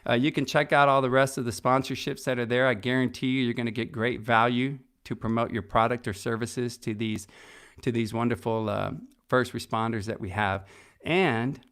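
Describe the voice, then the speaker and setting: A man's voice: mid-range voice, steady tone, moderate pace, a bit bright, clear, resonant tone. A middle-aged man hosting a podcast, talking casually and with enthusiasm about an upcoming conference and its sponsors, with many fillers and restarts. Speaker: podcast host and conference organizer. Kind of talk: casual promotional podcast talk.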